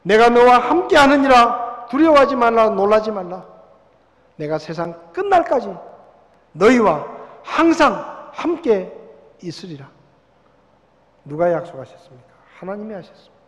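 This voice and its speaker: A male pastor preaching a sermon. He swells loud and slows down on the scripture, then drops to a hush on key words. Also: sits high, sing-song. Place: church sanctuary. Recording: long church hall reverb.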